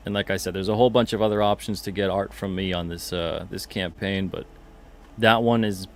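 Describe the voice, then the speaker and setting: Laid-back guy rambling on his own stream, lowish voice, says stuff twice. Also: fairly even intonation, fairly quick. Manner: chatty, rambling, repeats himself, reads chat comments aloud. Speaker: podcast host and comic publisher. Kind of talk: casual livestream chat.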